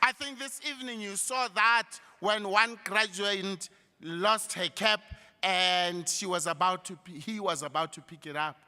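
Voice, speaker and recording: Man, South African accent, graduation speech, slow and emphatic, long hall reverb. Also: sits high, pushed and bright. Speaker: guest speaker at a graduation. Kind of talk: graduation address. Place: large hall.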